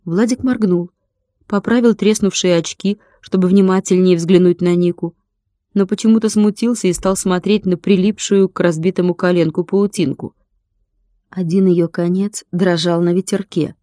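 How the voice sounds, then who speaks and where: Mellow, low-voiced woman reading a story. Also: steady tone, moderate pace, dry recording, clean studio sound. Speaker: audiobook reader. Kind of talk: audiobook narration.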